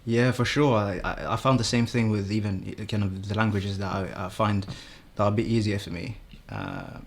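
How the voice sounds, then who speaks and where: A young man in his twenties from Sweden, a guest talking in a halting, easygoing way with many restarts. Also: fairly low pitch, animated, vocal fry. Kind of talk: casual chat.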